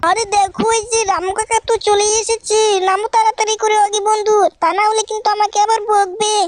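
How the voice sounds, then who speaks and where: A woman voicing a mischievous, hot-tempered little boy in a fan-dubbed game video, talking in a shrill, whiny way. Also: flat delivery, fast. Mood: bossy.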